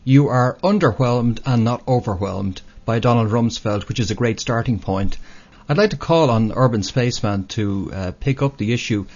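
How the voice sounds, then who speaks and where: A man moderating a panel discussion, inviting each speaker in turn with measured prompts. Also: medium pitch, expressive, a little mellow. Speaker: discussion host. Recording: dull lo-fi audio.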